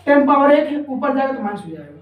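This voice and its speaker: A woman with a fairly high voice teaches maths step by step, often stopping to check that her students are following. She sounds some way off from the mic, in an echoey room. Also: expressive, fast talker, distant mic, narrow, tinny audio. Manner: repetitive, asks rhetorical questions, often checks with "ठीक है ना". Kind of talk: explaining a maths lesson step by step.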